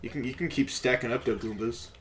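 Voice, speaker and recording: A man co-hosting a gaming let's play, chatting casually, excitable and swearing, breaking into yelps. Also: mid-range voice, fast, a little hiss or hum.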